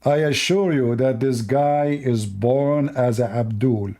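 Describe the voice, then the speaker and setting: A man's voice: medium pitch, slow pace, warm tone. A man hosting a live debate show, mocking and combative toward callers, speaking English with non-native grammar. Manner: mocking, combative, laughs at opponents.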